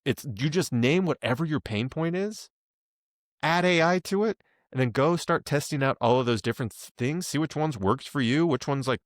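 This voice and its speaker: Man, podcast co-host, rambling, animated, dry room, mid-pitched. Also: dry recording. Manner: rambling, animated, acts out quotes. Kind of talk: casual business podcast chat.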